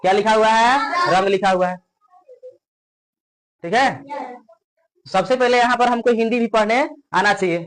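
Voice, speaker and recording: A woman teaching a lesson for children, who talks slowly, repeats every point and asks questions and answers them herself. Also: medium pitch. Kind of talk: classroom-style lesson for children.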